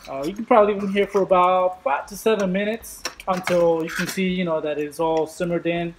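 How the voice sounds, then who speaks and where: A man hosting a casual cooking demonstration, explaining each step in a relaxed way with many ums and uhs. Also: sits high, brisk, background noise. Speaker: cooking video host.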